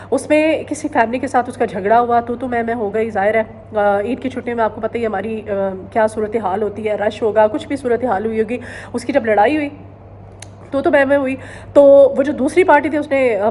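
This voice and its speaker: A woman from Pakistan giving earnest current-affairs news commentary, pausing often on hesitant fillers and repeating phrases for emphasis. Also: fairly high pitch, darkish tone, a little hiss or hum.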